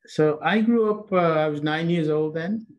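An older man born in Pakistan and raised in Britain, telling his story as an interview guest over a video call, animated and chuckling between phrases. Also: a little high, moderate pace, muffled recording. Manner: animated, repeats words, laughs between phrases. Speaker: guest, chamber of commerce president.

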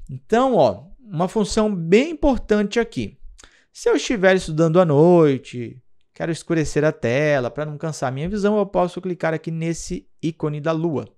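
A man's voice: fairly high pitch, darkish tone. A man with a Brazilian Portuguese accent, an English teacher walking viewers through an app in a screen-recorded tutorial, patient and explanatory, often checking in with the listener.

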